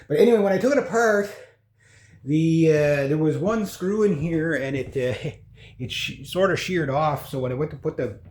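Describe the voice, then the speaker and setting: A man chatting casually and haltingly as he gives a rambling, informal house-tour vlog. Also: fairly high pitch, a little mellow, a little hiss or hum. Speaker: vlogger. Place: indoors in an old house room. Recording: echoey bare room.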